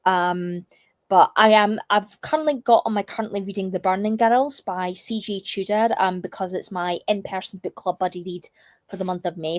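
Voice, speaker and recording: A young woman chatting casually on a livestream, rambling with plenty of fillers. Her voice is a touch croaky from a lingering cough, and the close recording sounds dry with no room around it. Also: mid-range voice, a little mellow, no room sound. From United Kingdom. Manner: chatty, reads chat comments aloud, many fillers. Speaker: livestream host.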